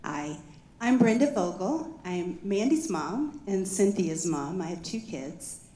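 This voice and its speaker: Calm older woman with a mellow low voice. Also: slow. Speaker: retired pastor, panelist. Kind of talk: panel sharing. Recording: echoey church hall.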